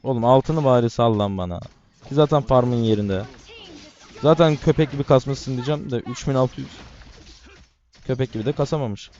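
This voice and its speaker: A man giving casual, excitable commentary while playing a mobile game, talking to his teammates and to viewers. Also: mid-range voice, normal speed, long pauses, dull audio. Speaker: gaming YouTuber.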